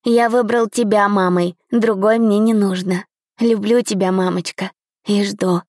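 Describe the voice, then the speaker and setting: A woman's voice: mid-range voice, fairly even intonation, measured pace, darkish tone, dry recording, clean studio sound, close to an everyday voice. A woman voicing a playful, loving four-year-old boy prince in an audiobook, with a raised childlike voice. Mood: excited. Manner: raised childlike voice, eager and pleading. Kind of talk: audiobook character voice.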